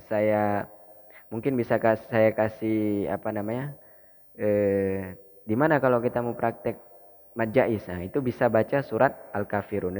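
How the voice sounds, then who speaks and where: A man with an Indonesian accent teaching Quran reading, explaining rules slowly and chanting verses in a drawn-out melodic way for students to repeat. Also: on the low side, a little mellow. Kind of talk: Quran recitation lesson. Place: mosque hall. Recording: long reverb of a mosque hall.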